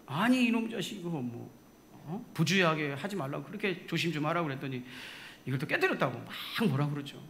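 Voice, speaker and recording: A hot-tempered older father-in-law bellows and scolds in a raised, higher voice, as a man preaching acts him out. His tone is bright and sharp, and his pitch lurches up and down. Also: big pitch swings, brisk, vocal fry, slight background noise, heavily acted. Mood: scolding. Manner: shouting scolding outbursts.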